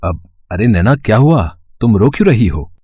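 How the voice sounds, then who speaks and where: A man voicing a calm, caring young husband in an animated story, speaking reassuringly. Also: on the low side, normal speed, breathy edge, no echo, dull audio.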